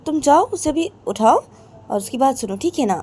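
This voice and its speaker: A woman's voice: sits high, expressive, moderate pace, a little mellow, voice pushed up. A woman voicing a middle-aged mother who lectures her daughter, drawing out her advice and pleading with repeated tags. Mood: preachy. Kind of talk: amateur storytelling with acted voices.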